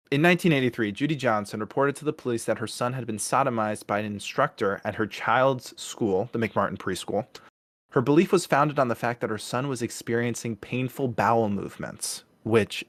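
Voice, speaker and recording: A man's voice: medium pitch, normal speed, no echo. A man co-hosting a podcast in casual chat, rambling with many restarts and fillers. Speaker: podcast co-host.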